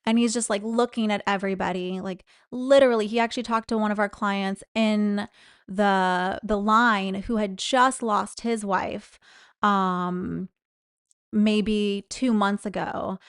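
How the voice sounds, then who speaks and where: A woman telling a story in a casual chat, her voice smooth and resonant. She is animated and breaks into high-pitched impressions of the people she describes. The sound is dry and close. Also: a little slow, no echo. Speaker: guest, former clinic employee.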